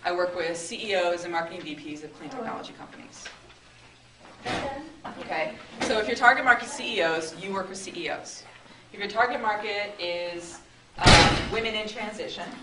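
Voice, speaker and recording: Woman running a marketing workshop, chatty and upbeat, asks the room stuff, sounds far from the mic, echoey noisy room. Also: medium pitch. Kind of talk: interactive workshop talk. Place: meeting room with an audience.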